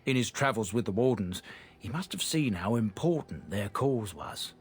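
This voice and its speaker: A man with a lowish, slightly rough voice and lively intonation speaks at normal speed. He voices a video game character, a proud merchant from a disgraced noble family, sounding blunt, earnest, and plain-spoken.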